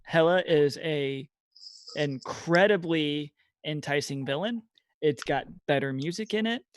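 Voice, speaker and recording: A man co-hosting a casual podcast debate, enthusiastic and animated as he argues his pick. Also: on the high side, unhurried, smooth, no room sound. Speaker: podcast co-host.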